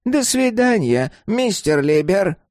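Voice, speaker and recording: A man voicing a cool, scheming old woman landlady who talks slowly and sweetly with a threat underneath. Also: high voice, big pitch swings, darkish tone, no echo, clean studio sound, pitched above the performer's own voice, heavily acted. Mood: coolly menacing.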